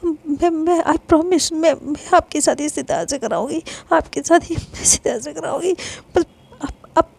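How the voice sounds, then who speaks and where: An anxious younger sister begging and promising in a rush of repeated words, as a woman storyteller puts her on. The voice is high and carries a gravelly edge. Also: moderate pace, a little mellow. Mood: pleading. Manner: pleading, urgent, stumbling repeats. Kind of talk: dramatized story reading.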